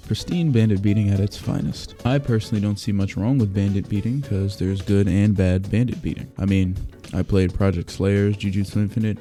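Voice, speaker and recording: Low, mellow-voiced man giving blunt game critique. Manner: blunt, critical, casual slang with swearing. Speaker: video game reviewer. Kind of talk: opinionated video review commentary. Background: music behind the voice.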